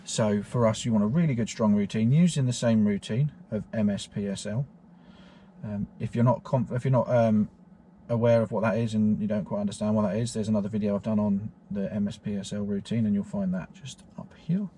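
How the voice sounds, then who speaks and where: Male driving instructor, low and mellow, patient repetitive explainer with fillers, in a car. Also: brisk, slight background noise. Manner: steady, repetitive teaching with frequent fillers. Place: inside a car on a road.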